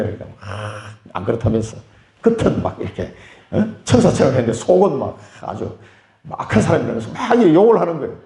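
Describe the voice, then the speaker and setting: A man's voice: on the high side, gravelly. A middle-aged man preaching a sermon as a pastor, telling a personal story and acting out both sides of a conversation. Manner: animated, storytelling, acts out both sides of a dialogue. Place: church sanctuary. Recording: echoey church hall.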